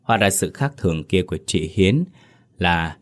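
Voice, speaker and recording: A man with a deep, low voice narrates a ghost story at a steady, measured pace. His delivery is even and controlled throughout. The sound is dry and close, with no room echo.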